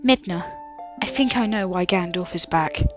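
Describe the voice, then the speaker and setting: A woman's voice: fairly low pitch, normal speed, natural voice. A woman playing a gracious, resolute young princess in an amateur fantasy radio play, speaking formally and earnestly. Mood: solemn, explaining. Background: loud music.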